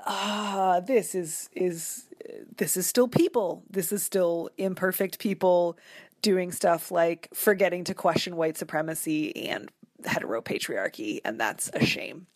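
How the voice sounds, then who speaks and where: A thoughtful American woman, guesting in a laid-back interview, speaks unhurriedly in a voice on the low side, with no room sound in the recording. She talks colloquially and often drops in "like" and "you know."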